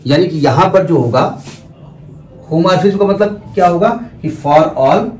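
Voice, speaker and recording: A man with a somewhat high voice teaches a math class, explaining step by step and repeating key terms. He keeps checking in with the class by asking questions. He is heard from a distance in an echoey room with faint background noise. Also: slow, darkish tone. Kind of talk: classroom lecture.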